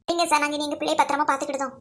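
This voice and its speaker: A harried young mother in a cartoon, voiced by a woman. She talks fast. She explains and pleads with her mother-in-law. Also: sits high, steady tone, fairly bright tone. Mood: explaining.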